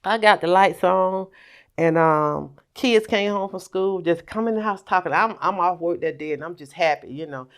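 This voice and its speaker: A middle-aged woman telling a personal story on a podcast, animated, acting out quoted voices. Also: lowish voice, moderate pace, clear, resonant tone. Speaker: podcast guest. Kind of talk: casual storytelling.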